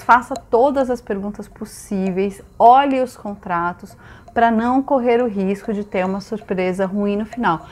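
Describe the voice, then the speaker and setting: A woman's voice: a little high, a little mellow. A woman with a Brazilian accent giving practical advice in a conversational way.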